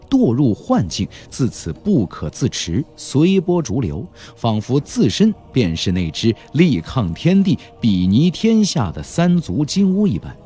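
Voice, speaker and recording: A man with a mid-range voice narrates an audiobook dramatically, telling the story expressively with drawn-out emphasis.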